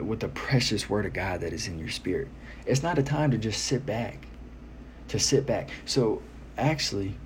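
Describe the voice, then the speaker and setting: A man's voice: on the low side, a little mellow. A man giving an informal, earnest, exhorting sermon to listeners, repeating phrases for emphasis. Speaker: preacher. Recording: noticeable background noise.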